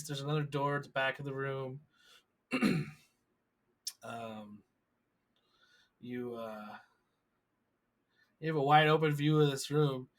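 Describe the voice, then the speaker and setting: A man's voice: a little high, a bit bright. A man running a tabletop game as game master, describing scenes in a loose, stop-start way with fillers.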